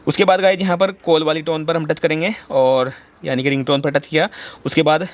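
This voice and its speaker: A young man with a voice pitched a little higher than most men walks viewers through a phone settings fix. He talks in an instructive way, repeating each step and addressing his audience as guys. It is a plain step-by-step screen tutorial. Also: fairly even intonation, fairly quick. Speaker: tech tutorial host.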